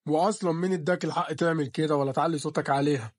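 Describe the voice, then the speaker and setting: A man's voice: a little high, steady tone, rapid-fire, slightly rough, no room sound, clean studio sound. A man with an Egyptian accent voicing a protective father who dotes on his daughter. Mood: scolding. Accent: Egyptian Arabic.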